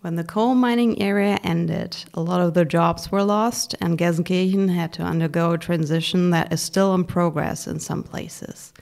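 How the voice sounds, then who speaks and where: A woman podcast host speaks English. Her voice sits a little low and has a marked creak, and she presents prepared material in a conversational way. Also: fairly even intonation, normal speed, hardly any pauses, darkish tone. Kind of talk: scripted conversational narration.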